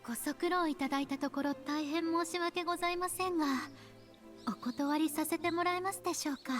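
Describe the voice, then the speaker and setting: A gentle young racing girl in a game, soft-spoken and very polite. Her voice sits very high and moves a lot, with a quick pace. Faint game music plays behind her. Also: fairly even intonation. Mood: formal. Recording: game audio with background music.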